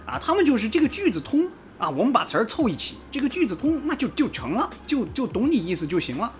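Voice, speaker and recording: A man from China talking casually in a vlog as a car reviewer, chatty and lively, with a raised voice when he mimics what commenters said and some casual swearing. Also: very high voice, fast, soft background music.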